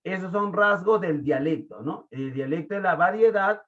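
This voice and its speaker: A man from Peru with a Lima accent, teaching an online class in a chatty way, quizzing students and filling pauses. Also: sits high, lively intonation. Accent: Lima Peruvian Spanish. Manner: chatty, asks the class questions, many fillers. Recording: tinny phone-like audio.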